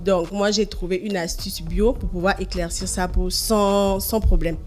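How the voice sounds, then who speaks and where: A woman, a radio co-host explaining a beauty tip in a studio, halting with fillers and quick to laugh. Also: mid-range voice, steady tone, darkish tone, soft background music.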